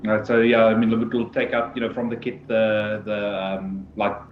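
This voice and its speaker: A man's voice: on the low side, completely flat delivery, moderate pace, soft background music. A man talking casually as a player in a tabletop role-playing game. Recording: echoey room, dull lo-fi mic, faint noise.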